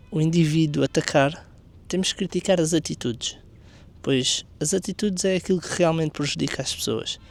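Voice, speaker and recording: A commentary video creator from Portugal, a man with a European Portuguese accent, delivers an earnest, argumentative opinion monologue packed with rhetorical questions. His voice is a little high and has some vocal fry.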